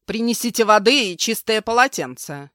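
A woman's voice: a little high, expressive, normal speed, a bit bright, no echo, clean studio sound, pitched above the performer's own voice. A woman reading a curt, cold family doctor. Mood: detached. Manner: curt, detached.

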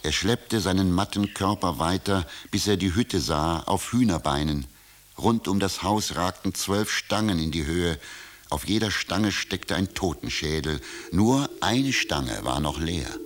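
A man's voice: low voice, expressive, unhurried, a little hiss or hum. A man narrating a fairy tale from a script as a storyteller.

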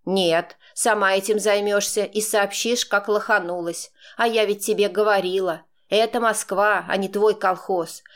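A woman's voice: medium pitch, steady tone, unhurried, few pauses, natural voice. A woman voicing a brash, crude-spoken middle-aged aunt who scolds and mocks her niece in an audiobook. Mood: scolding. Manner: scolding and mocking, then soothing.

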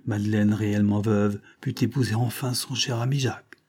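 A man's voice: fairly low pitch, fairly even intonation, fairly quick, a little mellow. A man narrating an adventure novel as an audiobook, with dramatic storytelling. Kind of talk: scripted narration.

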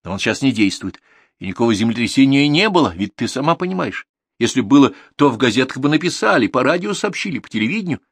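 A man's voice: medium pitch, very animated, fast talker, husky, no room sound, studio quality, pitched above the performer's own voice. A man voicing a lecturing, insistent schoolboy grandson in an audiobook. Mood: explaining. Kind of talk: audiobook character reading.

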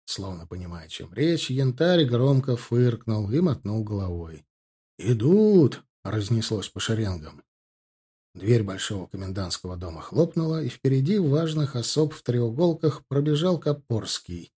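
A man narrating an audiobook in a steady, even storytelling manner. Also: mid-range voice, moderate pace, husky. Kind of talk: scripted narration.

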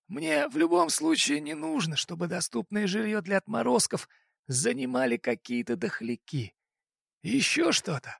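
A man voicing a fat, older male crime boss who bullies and shouts. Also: high-pitched, sing-song, normal speed, creaky, slightly rough, no room sound, clean studio sound, voice pushed up, heavily acted. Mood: mocking. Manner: mocking, barking.

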